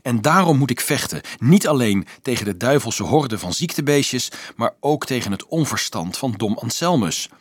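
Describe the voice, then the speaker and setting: Audiobook role: man doing an insistent, anxious boy, lively and animated, dry close sound. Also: mid-range voice, normal speed, few pauses, slightly rough, no echo. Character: earnest, stubborn, anxious young boy.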